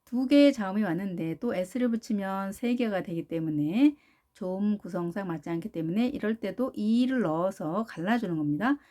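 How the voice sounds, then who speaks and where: A woman teaching an English phonics lesson, patiently repeating each model word slowly. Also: medium pitch, mellow.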